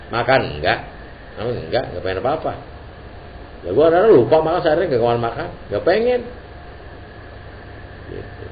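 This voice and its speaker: A man giving an informal Islamic religious lesson, joking in casual slang. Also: mid-range voice. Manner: casual Jakarta-slang preaching, lively and joking. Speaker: Islamic teacher. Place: religious gathering hall. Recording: dull lo-fi recording with faint hiss.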